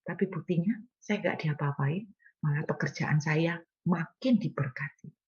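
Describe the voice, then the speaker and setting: A woman's voice: sits low, measured pace, slightly rough, highs cut off, exaggerated voice. A woman preacher quoting a smug male pastor who shrugs off blame. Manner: offhand, self-assured. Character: smug male pastor excusing his mistress.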